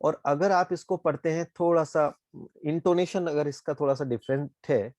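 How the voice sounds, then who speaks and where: A man with an Indian accent, a Japanese teacher explaining words slowly and asking "ठीक है?" often. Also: fairly high pitch, darkish tone, dry recording. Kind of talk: online class explanation.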